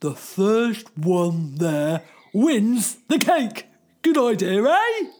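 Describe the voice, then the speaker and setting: A woman's voice: mid-range voice, very animated, drawn-out words, a little mellow, full character voice. A woman voicing a sly, scheming male wolf in a children's story, wheedling and hesitant.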